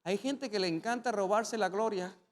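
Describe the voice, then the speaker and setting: A male pastor preaching a sermon, telling stories with animation and rising to sudden loud climaxes. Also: sits high, moderate pace.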